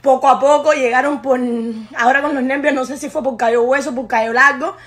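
A woman's voice: sits high, steady tone, brisk. A woman from Cuba recording a casual phone message to followers, relieved and emphatic as she thanks them. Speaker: relative announcing a family arrival.

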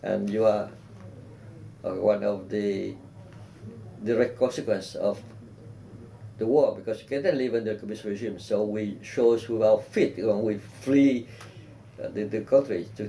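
An older man from South Vietnam with a Vietnamese accent, giving measured, earnest answers in an oral history interview, seated in an office. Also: lowish voice, gravelly, warm tone, a little hiss or hum, low-quality recording. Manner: measured, earnest, with frequent restarts and "you know". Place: office with bookshelf and plant. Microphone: seated, framed mid-shot by a camera.

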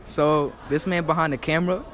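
A man's voice: a little high, steady tone, fairly quick, fairly bright tone. A young man acting as a street interviewer, asking questions casually into a handheld recorder. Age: young adult. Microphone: small handheld recorder.

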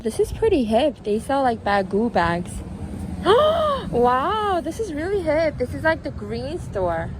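A woman's voice: high voice, big pitch swings, a little slow, long pauses, noisy background. A young woman vlogging casually on a trip, chatty and laughing often. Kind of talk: casual travel vlog chat.

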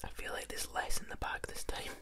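An ASMR channel host with a slight cold sits at an indoor table reading aloud in a slow, croaky whisper. The whisper is soft, unvoiced, and unhurried.

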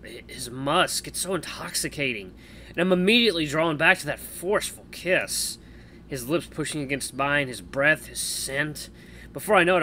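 A man reading a visual novel aloud as a let's play host, playful and animated in delivery. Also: mid-range voice, a little hiss or hum.

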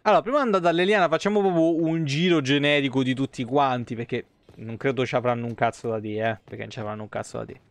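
In a small room indoors, a thirtysomething streamer with a Roman Italian accent talks through a video game live, quickly and with few pauses. His mid-range voice is captured with no echo, and his commentary is slangy, profane and peppered with muttered asides.

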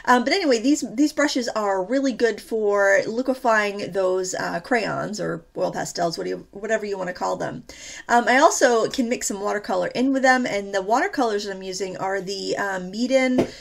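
Hosting an art tutorial on painting, a woman talks at a normal speed in a creaky, medium-pitched voice. A cold has left her slightly stuffy, and her chatter is rambling and packed with fillers.

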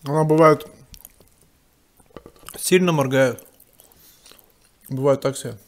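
A man's voice: mid-range voice, steady tone, slow. Chewing man chatting to camera. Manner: rambling, chatty, talks to viewers. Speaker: mukbang vlogger. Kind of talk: casual chat while eating.

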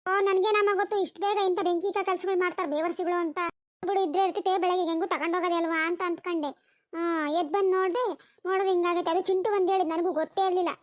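A woman plays a grumbling village husband in a cartoon, a stingy man with a rural Karnataka Kannada accent, complaining and swearing revenge. The voice is very high and races along. The sound is dry and dull. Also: fairly even intonation, racing, dry recording. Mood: defensive. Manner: aggrieved, complaining, vowing revenge. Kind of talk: cartoon voice acting.

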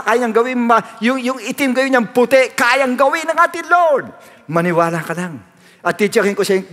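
A man's voice: very high voice, a bit bright. A man preaching a sermon as pastor, emphatic and repetitive, slipping English phrases into his talk. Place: church hall. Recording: long hall reverb.

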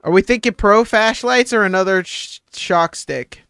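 A man's voice: sits high, normal speed, creaky, bright, forceful tone, clean tone, no echo, clean studio sound. A man casually chatting while streaming a game, giggling and swearing freely. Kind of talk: casual gameplay chat.

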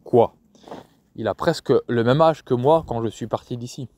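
A man's voice: mid-range voice, normal speed, a little mellow, close to an everyday voice. A man playing a cold, stern father who speaks curtly and firmly. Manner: curt, firm, expressionless.

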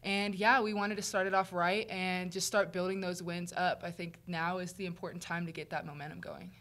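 A woman's voice: fairly low pitch, little pitch movement, brisk, fairly bright tone. A young adult woman, a college basketball player, answering reporters after a game in an earnest, straightforward way. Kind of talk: post-game press conference answers. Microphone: table mic in front.

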